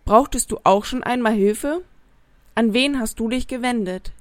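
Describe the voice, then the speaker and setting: A woman giving an earnest personal devotional, reflecting calmly and reading a Bible passage aloud at a careful pace. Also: fairly high pitch, dry recording. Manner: slows to a careful pace when reading scripture. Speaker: devotional speaker.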